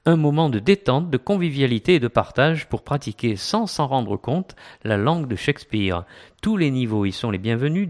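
A man presenting a local radio report, reading a scripted introduction smoothly. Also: medium pitch. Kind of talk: scripted news narration.

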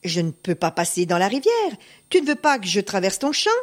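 A woman's voice: medium pitch, very animated, brisk. A woman voicing a poor, honest male peasant who pleads and protests his wrongs. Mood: pleading.

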